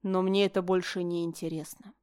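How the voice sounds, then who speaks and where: A woman's voice: lowish voice, clean tone, natural voice. Woman voicing a stern, cold emperor. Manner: flat, insistent, slow questioning. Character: stern young male emperor, cold and demanding.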